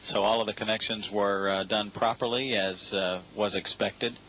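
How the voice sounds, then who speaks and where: A man giving measured, matter-of-fact live spaceflight commentary from mission control. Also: on the low side, fairly even intonation, a bit bright, low-quality recording. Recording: faint background hiss.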